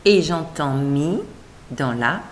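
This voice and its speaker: A woman's voice: sits low, expressive, takes it slowly. A woman teacher reading out a scripted reading lesson for young children, splitting words into careful syllables and encouraging the child.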